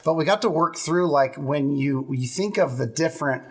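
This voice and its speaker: A man's voice: on the high side, moderate pace. A middle-aged man co-hosting a leadership podcast, explaining his points earnestly in casual conversation and checking in with a frequent "right?". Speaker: podcast co-host.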